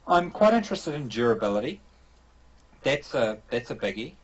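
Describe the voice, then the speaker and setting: A man's voice: mid-range voice, big pitch swings, normal speed, slightly rough, muffled recording. A man with a New Zealand accent, a game developer answering interview questions in a thoughtful, rambling way with many fillers and restarts. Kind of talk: casual interview answers over an online call.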